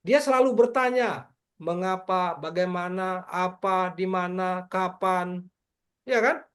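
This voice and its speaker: A man's voice: sits high, slow pace, a bit bright, clear, resonant tone. A male lecturer explaining exam questions to students in an online class, repeating his points and tagging sentences with "ya". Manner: repetitive, tag questions with ya.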